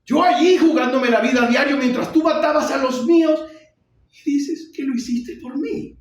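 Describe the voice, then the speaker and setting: A man acting a young man who furiously accuses his father, shouting in outrage. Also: normal speed. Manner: shouting, outraged, high-pitched. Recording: echoey hall, mic far off.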